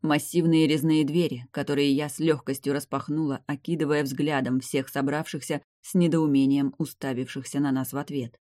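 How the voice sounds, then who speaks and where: A woman narrating a first-person fantasy audiobook with an expressive, dramatic reading. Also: deep voice, moderate pace, few pauses, no room sound, clean studio sound.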